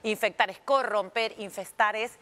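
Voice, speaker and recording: Mujer explicando palabras con paciencia. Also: female voice, medium pitch, steady tone, moderate pace, sharp tone, slight background noise. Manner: didactic, explains with examples. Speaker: guest language expert. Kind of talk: explaining word meanings on a TV talk show.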